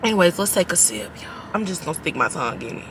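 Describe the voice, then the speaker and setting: Young woman, casual reaction vlog, very lively pitch, brash and exaggerated, noticeable car background noise. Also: fast. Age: young adult. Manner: brash, heavily profane, exaggerated and expressive. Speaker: vlogger doing a taste-test reaction. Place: inside a parked car.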